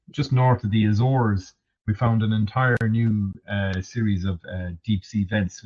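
Man, west of Ireland Kerry accent, low voice, hesitant explanatory interview answers, dull lo-fi recording. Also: slight background noise. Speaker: interview guest, marine research manager. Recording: dull, narrow lo-fi audio.

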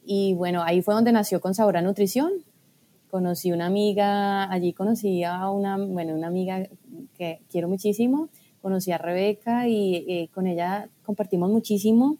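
A woman from Colombia, a guest talking through her story in a thoughtful, hesitant way with pauses. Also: medium pitch, steady tone, warm tone. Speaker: guest, food scientist and blogger. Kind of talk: casual podcast conversation.

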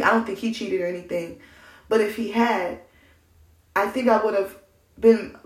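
A young woman talks through her thoughts in a casual podcast monologue, circling back and restarting as she goes. Her voice is mellow with a gravelly fry. It comes from a little way off the mic, in a roomy space. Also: mid-range voice, distant mic. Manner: musing, rambling with restarts. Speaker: podcast host.

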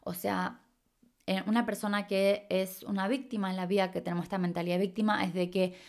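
A woman's voice: mid-range voice, flat delivery, a little fast, vocal fry, a little mellow. A young woman, a life coach talking loosely through a reflective podcast monologue. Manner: casual, loose, full of "o sea" and "como" fillers.

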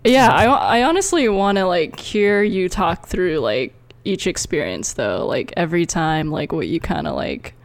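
Co-host in casual chat, mid-pitched, teasing, dry close sound. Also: very animated, measured pace, hardly any pauses, no room sound.

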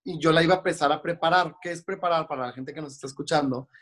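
A man's voice: fairly high pitch, fast talker, a bit bright. A man with a Mexican Spanish accent, a hair and makeup stylist telling stories in casual podcast talk and acting out the voices of the people in them. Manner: chatty, acts out voices of people in his stories.

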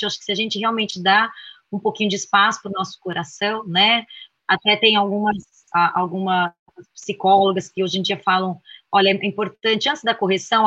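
A woman's voice: medium pitch, pushed and bright, no echo. A woman speaking as a guest therapist in a reflective conversation, earnest and heartfelt, often ending her thoughts with a tag question. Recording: dull, dry sound.

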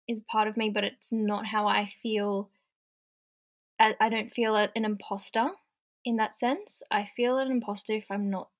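A young woman hosting her own podcast, talking casually and chattily with lots of "like" fillers and light laughs. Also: mid-range voice. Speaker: podcast host. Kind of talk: casual solo podcast talk.

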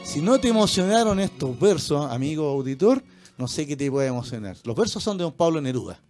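A man's voice: on the high side, big pitch swings, fairly quick, darkish tone. A Chilean man hosting a radio show, chatting casually about music and constantly adding little tag questions. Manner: peppers speech with tag questions. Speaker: radio host. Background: faint music.

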